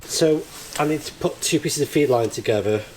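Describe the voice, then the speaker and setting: An amateur radio operator narrates his vlog casually as he handles a hands-on task, hesitating and thinking aloud. His voice sits on the high side at a moderate pace; recorded outdoors in the field and in a barn, the low-quality audio has clear ambient noise.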